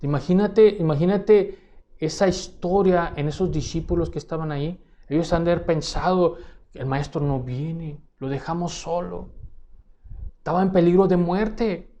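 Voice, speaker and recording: Guy preaching, earnest, kinda high voice, keeps repeating words. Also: steady tone, moderate pace, dark tone, lo-fi sound. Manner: earnest, repeats words while searching for phrasing. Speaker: pastor. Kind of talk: sermon.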